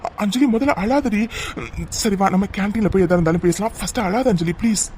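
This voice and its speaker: A performer voicing a playful, protective young doctor in an animated cartoon story, teasing and reassuring his girlfriend. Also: mid-range voice, fairly quick, faint music behind, lightly acted.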